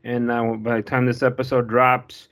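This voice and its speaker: Halting man explaining on a podcast. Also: mid-range voice, little pitch movement, a bit bright. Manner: halting, restarts often, explains at length. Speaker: podcast co-host. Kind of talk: casual podcast chat.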